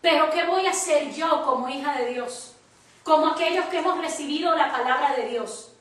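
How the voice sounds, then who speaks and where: A woman's voice: sits high, normal speed, a bit bright. A woman preacher teaching a church class, telling a personal story with emphatic quoted dialogue. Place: church hall. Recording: echoey church from far off.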